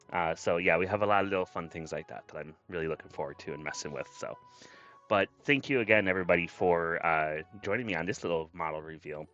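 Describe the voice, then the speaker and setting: A man with a deep voice and a fairly bright tone streams as a VTuber, chatting casually in a lo-fi recording with music in the background. His manner is effusive and grateful, and he often thanks his viewers.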